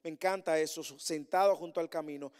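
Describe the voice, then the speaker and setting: A man preaching a sermon as pastor to his congregation, with insistent repeated refrains and questions, swinging between emphatic calls and soft, earnest asides. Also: fairly high pitch, steady tone, a little fast, clean tone. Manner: repetitive rhetorical refrains and direct questions to the congregation. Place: church meeting hall with a congregation. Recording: long hall reverb.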